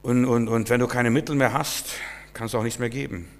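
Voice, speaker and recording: A man preaching a sermon, emphatic, swinging between loud urgency and hushed warnings. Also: mid-range voice, steady tone, a little fast. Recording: long hall reverb.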